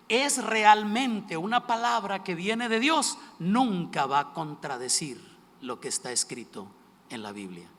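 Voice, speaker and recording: A man's voice: fairly high pitch, fairly bright tone. A male pastor from Monterrey, Mexico, preaching a sermon with passion and bantering with the congregation. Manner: impassioned, plays to the congregation with jokes and questions. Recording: long hall reverb.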